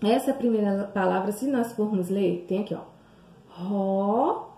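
Brazilian lady teacher talking to little kids, slow sing-song, mellow voice, echoey room. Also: mid-range voice. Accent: Brazilian Portuguese. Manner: slow, sing-song teacher talk with many tag questions. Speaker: primary school teacher. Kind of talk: remote lesson for young children.

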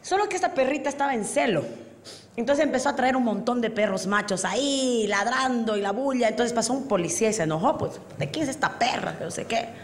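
A Bolivian woman performing an animated stand-up comedy routine, acting out drunk characters with big voice swings. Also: on the high side, fast. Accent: Bolivian Spanish. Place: comedy stage before a live audience.

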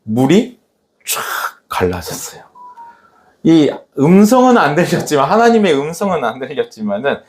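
A man's voice: on the high side, very animated, normal speed. A man preaching a sermon in a church, acting out the scripture scenes dramatically as he tells them. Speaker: pastor.

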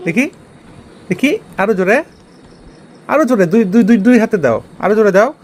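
A woman talking casually at home to viewers, gently coaxing and encouraging her small daughter. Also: on the high side, a little fast, slight background noise. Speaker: mother showing her vintage cassette player. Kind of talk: casual home video narration. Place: indoors at home at night.

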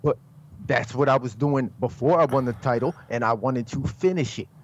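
A man's voice: medium pitch, moderate pace, breathy edge, lo-fi sound. A man speaking as a podcast guest in casual banter, teasing, insistent and steering talk back to himself. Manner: teasing, insistent, self-centered.

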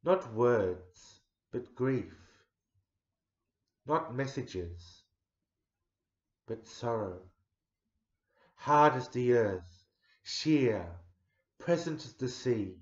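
A man in his forties giving a dramatic poetry recital, measured, swelling loud and sinking to a near hush. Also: mid-range voice, lively intonation. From Australia. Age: 40s. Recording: roomy echo, dull lo-fi sound.

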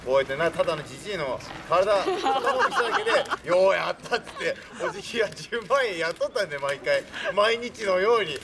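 Young guy acting as boastful old samurai lord, archaic talk, highish swoopy voice, noisy outdoor recording. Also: very animated, fast talker, few pauses. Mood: emphatic, jovial. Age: young adult. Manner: archaic old-man samurai speech, emphatic, jovial. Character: boastful, worldly-wise old samurai lord dispensing life advice. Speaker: costumed historical performer. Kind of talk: in-character talk show for castle visitors. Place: outdoor castle grounds beside a stone wall.

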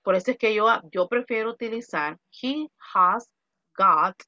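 In a mid-range, expressive voice with a sharp tone, a woman takes her time teaching English grammar online in Spanish, explaining patiently and quizzing the class. It's captured as dull, dry video-call audio.

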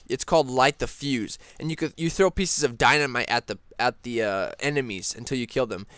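A young man hosting a casual gaming news vlog, rambling excitedly with lots of fillers and restarts. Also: mid-range voice, brisk, no room sound. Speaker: gaming channel host.

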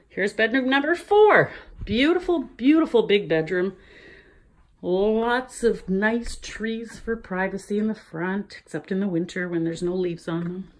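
A real estate agent walking through a large house, chatting as she points out rooms and getting a little out of breath. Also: medium pitch. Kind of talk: walking house tour narration.

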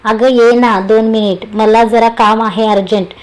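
A teasing, affectionate young fiancé, read out by a woman who bickers playfully. The voice sits fairly high. It is a storybook reading. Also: fairly even intonation, measured pace, natural voice, poor audio.

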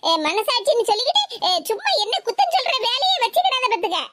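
A woman voicing a chattering, mocking young village wife with a Tirunelveli accent in an animated cartoon. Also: very high-pitched, fast, heavily acted. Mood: gossipy. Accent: Tirunelveli Tamil. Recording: hissy home recording.

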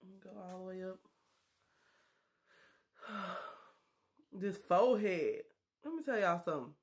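Her voice is on the low side with lively intonation and a measured pace, as this woman in her thirties jokes with viewers during a casual makeup tutorial. She's a beauty vlogger filmed close on a webcam in a small bedroom.

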